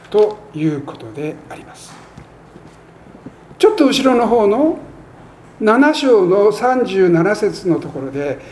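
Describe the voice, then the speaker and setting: A man preaching a sermon as a pastor, speaking earnestly with emphatic rises and measured pauses. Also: high-pitched, darkish tone, slight background noise.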